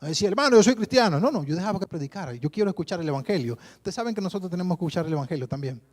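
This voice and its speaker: A man from the Dominican Republic with a Dominican accent, preaching a sermon to a church congregation and telling stories lively, often calling listeners brother. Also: on the high side, rapid-fire. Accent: Dominican Spanish. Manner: lively storytelling, keeps addressing listeners as brother. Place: church service before a congregation.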